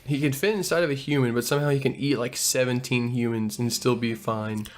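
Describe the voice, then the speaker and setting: A man's voice: mid-range voice, steady tone, brisk. A young man in casual, profane chat about a movie, retelling scenes and swearing often. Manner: swears a lot, retells scenes with quoted voices. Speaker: movie review co-host.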